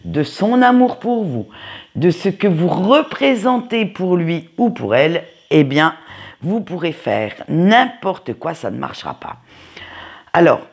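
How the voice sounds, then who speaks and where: A tarot card reader with a noticeable accent gives a casual weekly forecast from home by a window, in an unhurried, sing-song manner. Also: medium pitch, very animated, gravelly, breathy edge. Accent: non-standard French accent, kind not stated. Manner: unhurried, sing-song, frequent "hein" tags. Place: home, by a window facing a tree.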